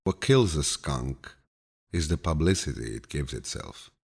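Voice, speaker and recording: Quotations are read slowly by a man narrating an audiobook. His scripted delivery is calm and soothing with a grandfatherly warmth, carried by a low, deep, husky voice.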